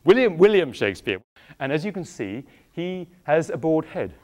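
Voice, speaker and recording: A man's voice: fairly high pitch, normal speed. A middle-aged English man, an actor, leading an interactive show for children and asking them questions while wearing a clip-on mic. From England. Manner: animated, questioning, playful with the audience. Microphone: clip-on microphone.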